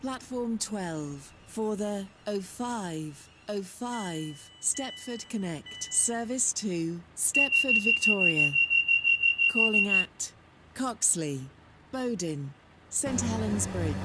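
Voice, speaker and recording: A woman's voice giving automated platform announcements over a station loudspeaker, reading out stops in a flat, evenly paced way. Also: mid-range voice, takes it slowly, very noisy.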